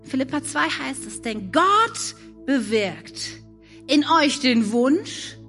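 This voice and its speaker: A woman preaching a sermon, moving between animated questions and hushed, soft-spoken passages. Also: sits high, slow, faint music behind.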